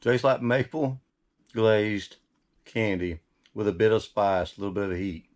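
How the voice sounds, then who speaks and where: A man's voice: fairly low pitch, measured pace, a little mellow. A man giving a casual recipe demonstration as a cooking host, folksy and chatty, often half talking to himself.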